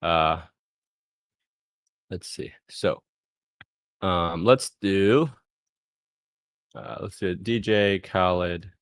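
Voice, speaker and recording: A man casually walking through a software demo on a live screen share, thinking aloud as he clicks and punctuating steps with "boom". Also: very slow, pauses often, no echo, studio quality.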